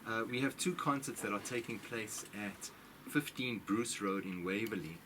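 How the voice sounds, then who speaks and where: A man, a musician and concert organizer, giving details as a radio guest in a steady, practical way. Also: lowish voice, normal speed, background noise. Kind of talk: radio interview.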